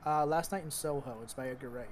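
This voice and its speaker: A man talking at a very fast clip in a loose podcast chat with his friends. He stammers and restarts his sentences, earnest and a little hesitant. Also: fairly high pitch, slight background noise. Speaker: podcast co-host. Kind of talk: casual chat among friends.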